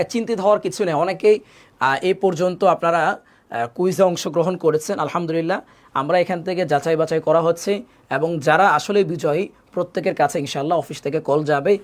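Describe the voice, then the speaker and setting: A man teaching a live online Quran class, drilling Arabic letter sounds syllable by syllable, pitch rising on the repeats, then speeding up for quick explanations. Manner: quick asides when explaining.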